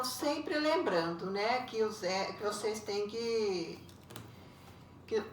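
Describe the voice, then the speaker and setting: A woman, a primary school teacher correcting homework in a recorded lesson, explaining slowly and patiently with frequent checking tags. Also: mid-range voice, fairly bright tone. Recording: roomy echo, voice a bit far from the mic, faint background noise.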